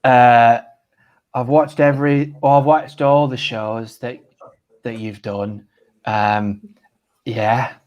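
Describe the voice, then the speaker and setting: A man's voice: medium pitch, level tone, takes it slowly, long pauses, lo-fi sound, lightly acted. A man playing an awkward, apologetic superfan in improvised comedy, hesitant and eager to please.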